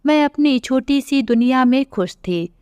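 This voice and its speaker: A woman voicing a frail elderly widowed mother who speaks softly and tearfully in an audio story. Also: high voice, expressive, unhurried, smooth, no echo, studio quality. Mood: sorrowful.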